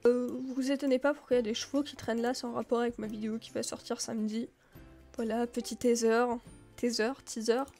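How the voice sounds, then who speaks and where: A woman with a fairly high voice chats through her gameplay session in a loose, rambling way, padding her talk with fillers. Soft game music plays quietly underneath her. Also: level tone, brisk. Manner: chatty and rambling, full of filler words. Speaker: gameplay video creator. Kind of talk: casual gameplay commentary.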